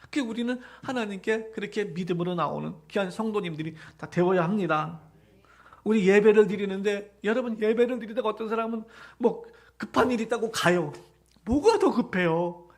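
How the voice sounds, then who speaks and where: High-voiced Korean pastor preaching. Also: male voice, expressive, moderate pace. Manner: impassioned preaching that builds from soft reflection to loud exhortation; rhetorical questions to the congregation. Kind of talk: sermon. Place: church sanctuary during a live service.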